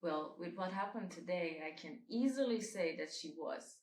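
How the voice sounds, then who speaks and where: A woman's voice: fairly low pitch, animated, normal speed, slight background noise, close to an everyday voice. A woman voicing a nervous, defensive man being questioned by a psychiatrist. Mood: hesitant. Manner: nervous, rising to agitated yelling. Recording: roomy echo, faint music.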